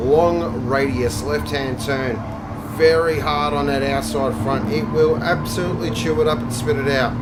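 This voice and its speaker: In a very noisy recording, a man with a slightly high voice presents a sim racing track guide, explaining each section in a measured yet enthusiastic way.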